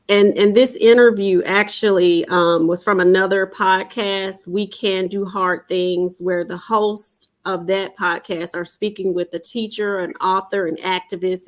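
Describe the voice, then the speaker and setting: A woman podcast co-host casually setting up a clip, with some fillers. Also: fairly low pitch. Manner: conversational, with fillers.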